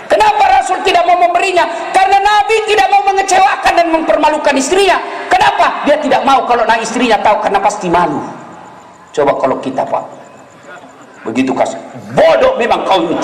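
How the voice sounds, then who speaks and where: High-voiced animated preacher, echoey hall. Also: male voice. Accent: Makassarese Indonesian. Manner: animated, jokes with the crowd, acts out voices. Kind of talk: humorous sermon.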